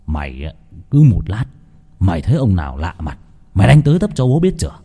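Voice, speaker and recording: A man voicing a rough village father who swears and wails loudly, in a spoken ghost story. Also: sits low, wildly swooping pitch, a little fast, big-room sound, voice pushed down, exaggerated voice. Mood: gruff. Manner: gruff, swearing, wailing loudly. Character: rough-tongued village father, hot-tempered and cursing.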